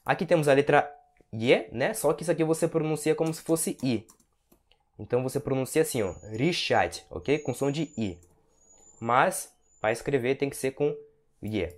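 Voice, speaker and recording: A man teaches Russian to beginners at a mid pitch. He talks in a relaxed, explaining way and drops to a slow, careful pace whenever he says a Russian word or phrase. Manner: explains patiently, slows down sharply for Russian examples. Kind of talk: language lesson.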